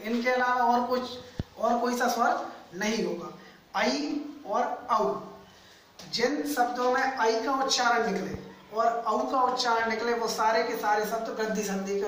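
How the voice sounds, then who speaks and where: A man teaching a grammar lesson to coaching students, speaking slowly and repeating key points, addressing them as friends. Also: very high voice, a bit bright, distant mic, slight background noise. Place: coaching classroom. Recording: echoey room, voice away from mic.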